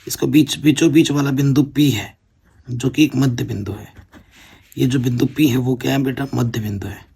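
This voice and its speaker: A man's voice: mid-range voice, steady tone, moderate pace, creaky, a little mellow, slight background noise. A man teaching a board-exam maths lesson, working through problems step by step and often checking that the students follow. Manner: explains step by step, keeps checking with "theek hai na".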